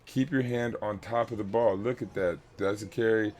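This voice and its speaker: A man's voice: on the low side, steady tone, normal speed, darkish tone. A man coaching a youth basketball team, breaking down game film for his players in a blunt, instructive way and repeating key points.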